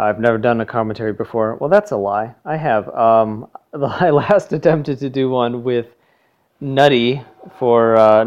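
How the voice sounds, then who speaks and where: This young podcast co-host has a medium-pitched, darkish voice, and the audio is dull. He's alone in his living room on a headset plugged into his phone, casually rambling through commentary with asides and self-corrections.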